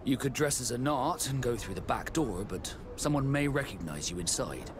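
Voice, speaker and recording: A man's voice: mid-range voice, expressive, normal speed, natural voice. Game captain role, male actor: earnest, guarded sailor, very varied intonation, noisy ambient backdrop. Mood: calm, persuasive. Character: naval captain, Vasco, earnest man seeking his origins. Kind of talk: video game cutscene acting.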